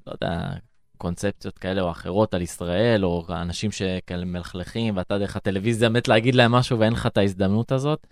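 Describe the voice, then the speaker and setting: A man's voice: lowish voice, steady tone, no room sound, studio quality. A young man with an Israeli accent, reflectively and earnestly telling his experiences as an interview guest. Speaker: interview guest, former emissary abroad. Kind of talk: conversational interview storytelling.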